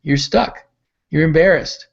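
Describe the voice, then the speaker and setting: A man's voice: on the high side, measured pace, gravelly, breathy edge. A middle-aged man giving a motivational mentoring talk on a call, telling stories and acting out the voices in them. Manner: storytelling, acting out quoted voices. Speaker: mentor and pastor. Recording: dull lo-fi call audio.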